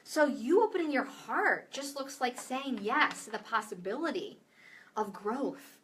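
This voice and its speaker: A woman's voice: a little high, animated, measured pace, fairly bright tone, slight background noise. A woman mentor talking casually to camera, candid and profane, full of filler likes. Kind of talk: casual direct-to-camera talk.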